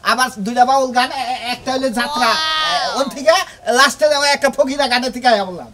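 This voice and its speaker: A man playing a boastful village husband who calls himself a leader, speaking with a rural Bangladeshi Bengali accent, rambling and wailing loudly in a comedy skit. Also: very high voice, fairly quick, a loud crowd. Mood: bragging. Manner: bragging, rambling, wails loudly when upset. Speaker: comic lead.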